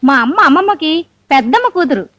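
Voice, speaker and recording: An actress playing a chattering relative of the bride who gushes breathless explanations in film comedy dialogue. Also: female voice, high voice, very animated, quick pace. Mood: gushing.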